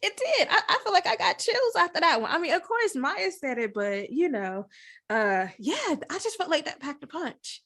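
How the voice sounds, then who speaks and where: A woman hosting a casual podcast, talking in an animated, slangy way and laughing often. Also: high-pitched, moderate pace. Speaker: podcast host.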